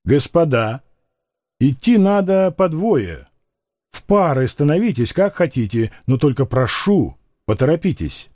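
A man voicing an uneasy, hurried male official, hesitant in tone. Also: on the high side, big pitch swings, mellow, dry recording, studio quality.

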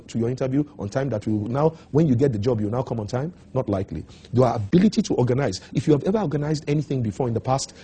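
A man delivers a coaching talk in a very husky voice with a dark, mellow tone. He is emphatic and drives his points home by repeating them. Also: medium pitch. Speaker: motivational speaker.

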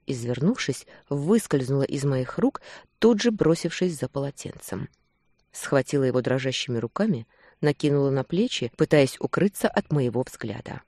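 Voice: medium pitch, a little mellow, breathy edge, no echo, clean studio sound. An audiobook reader narrating a first-person romance with intense, emotional delivery.

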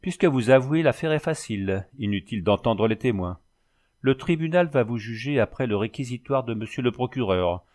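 A man's voice: medium pitch, expressive, moderate pace, darkish tone, natural voice. A man voicing a stern, officious court president who questions the accused. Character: stern, nervous older male court president.

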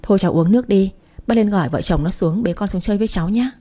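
A woman reading the part of a stern, scheming older mother-in-law who lectures and warns, in a dark, mellow voice. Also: medium pitch, rapid-fire, lightly acted. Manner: lecturing, warning tone.

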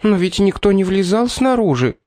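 A man voicing a shrill, panicky woman cook who grows indignant easily. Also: normal speed, close to an everyday voice.

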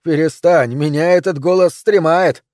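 A man voicing a jittery, dim-witted young male gang member who talks nervously and loudly. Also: a little high, normal speed, no room sound, clean studio sound, pitched above the performer's own voice, close to an everyday voice. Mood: spooked. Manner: nervous, raised and loud.

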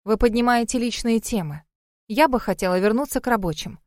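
Женщина читает реплики робкой вежливой молодой помощницы. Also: female voice, fairly high pitch, a little fast, darkish tone, no echo, clean studio sound, pitched above the performer's own voice, lightly acted. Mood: polite. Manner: polite, timid. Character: shy, polite young female assistant. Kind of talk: audiobook reading.

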